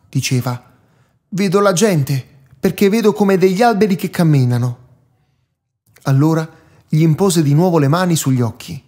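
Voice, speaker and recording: A male priest giving a measured, deliberate scripted Bible reading, phrase by phrase. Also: fairly high pitch, warm tone.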